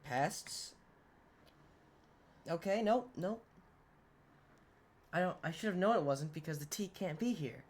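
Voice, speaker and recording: A man whose voice is hoarse from a cold, rambling in a casual, self-deprecating way while commenting on a word game. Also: on the high side, lively intonation, slow pace, long pauses. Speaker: gaming channel host.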